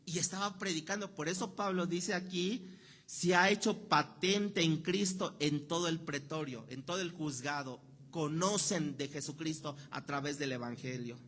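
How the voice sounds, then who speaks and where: A man's voice: fairly high pitch, normal speed, fairly bright tone. Mexican man preaching in a conversational tone. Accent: Mexican Spanish. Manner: conversational preaching, rhetorical questions, acts out quoted voices. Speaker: pastor. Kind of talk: sermon. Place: church hall.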